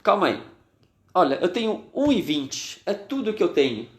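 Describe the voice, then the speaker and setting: A man's voice: high voice, sing-song, normal speed, roomy sound, voice pushed up. A man voicing a poor mother who pleads with a shopkeeper, raised and urgent. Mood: pleading.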